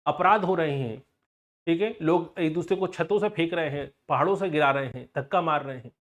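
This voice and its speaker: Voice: mid-range voice, brisk. A sociology teacher giving an online exam-coaching lecture, explaining with everyday examples, asking frequent rhetorical questions and addressing students directly with warnings.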